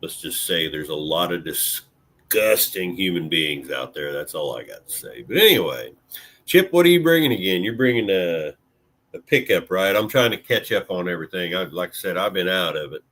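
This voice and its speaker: A very low-voiced man from Illinois chats with his stream viewers in a loose, rambling way. His talk is full of fillers and the odd curse. He sounds close to the mic. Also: animated, normal speed, fairly bright tone. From Illinois, USA. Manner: laid-back, rambling, with many fillers and mild swearing. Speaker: vlogger chatting with live viewers. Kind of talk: casual live-stream chat.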